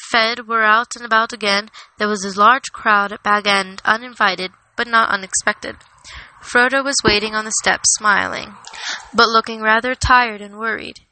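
A woman reading a novel aloud in a plain, steady way, with small slips. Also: mid-range voice, rough recording. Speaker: reader.

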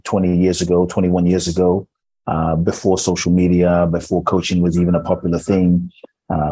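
A man's voice: deep voice, mellow, breathy edge, no room sound, poor audio. A man from Ghana who grew up in London, a transformational teacher, speaking earnestly and measuredly as a podcast guest with frequent restarts. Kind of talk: reflective podcast storytelling.

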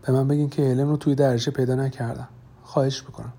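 A man's voice: medium pitch, little pitch movement, dark tone, close to an everyday voice. A man voicing a frightened husband who speaks in a panicked, pleading way. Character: frightened adult husband searching for his wife.

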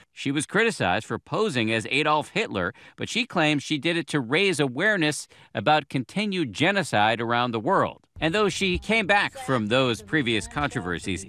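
A man's voice: mid-range voice, pushed and bright, no echo, studio quality. An American man narrating a scripted news report as a reporter.

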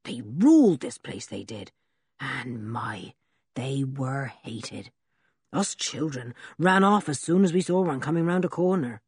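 A woman voicing an old male village blacksmith who tells a story slowly and in a rustic way, with a husky voice. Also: a bass voice, lively intonation, a little mellow, no room sound, clean studio sound, pitched below the performer's own voice, full character voice. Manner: slow, drawn-out, rustic storytelling. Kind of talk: audiobook character reading.

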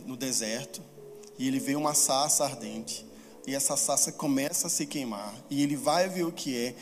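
A man preaching with a bright, high-pitched voice that rises further when he acts out frightened pleas. He speaks quickly and gets carried away with excitement. The sound rings with long hall reverb over faint background music. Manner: fast-talking, excitable, acts out quoted pleas in a raised voice. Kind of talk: sermon.

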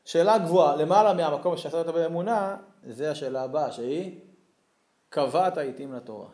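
A man's voice: a little high, warm tone. Man teaching a Torah lesson, echoey. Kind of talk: religious lesson.

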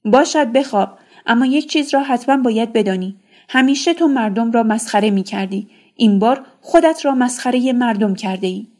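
A woman's voice: fairly high pitch, darkish tone, natural voice. A woman reading a novel aloud, voicing a sly, scheming man who lectures with contempt. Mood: sneering.

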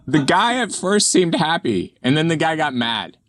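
A man hosting a casual comedy chat, playful and quick to break into goofy voices. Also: fairly high pitch, very animated, fairly bright tone. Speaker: show host.

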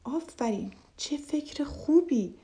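A sensible, cautious duck from a children's fable lays down the rules in a confident, reassuring way, voiced by a woman storyteller. Her voice is warm and mellow, a little high. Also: lively intonation. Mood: firm.

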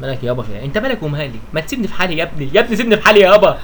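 A man's voice: high-pitched, lively intonation, very fast, a bit bright, a little hiss or hum. A flustered hot-tempered Egyptian father. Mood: moaning. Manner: scolding, moaning, flustered. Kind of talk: radio comedy acting.

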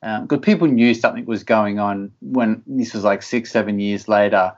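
A man's voice: lowish voice, normal speed, highs cut off. Earnest man speaking candidly. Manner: earnest, repeats words when stressing a point. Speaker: podcast guest. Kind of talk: candid conversational interview.

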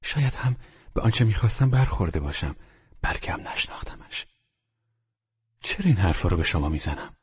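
A man voicing an aging male doctor, earnest and gentle, who speaks softly and often drops to a hushed whisper in this storybook reading. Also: deep voice, big pitch swings, pauses often, husky, no room sound, dull audio, pitched above the performer's own voice, heavily acted. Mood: tender, confiding.

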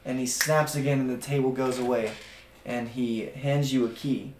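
A man's voice: medium pitch, steady tone, moderate pace. A man narrating a tabletop game as dungeon master in a casual, joking way. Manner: casual, laughs at his own narration. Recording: echoey room with faint noise.

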